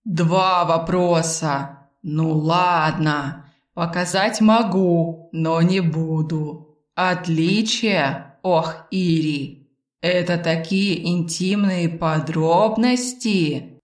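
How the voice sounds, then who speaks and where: A woman voicing a teasing, disembodied male sleeper spirit with a tail, speaking in a soft, sly, purring baritone for an audiobook. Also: drawn-out words, recorded from a distance. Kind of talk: audiobook character voice. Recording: roomy echo.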